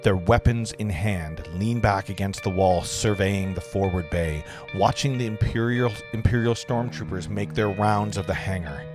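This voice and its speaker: Reading screenplay stage directions aloud as the narrator at a table read, a man speaks earnestly and stumbles now and then. His voice is on the low side, at a moderate pace with few pauses, and music plays in the background.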